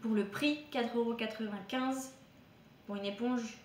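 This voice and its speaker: High-voiced chatty woman vlogger, roomy sound. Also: steady tone, a little slow, a little hiss or hum. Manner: chatty, hesitant, many fillers and restarts. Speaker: beauty vlogger. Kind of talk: casual product haul review.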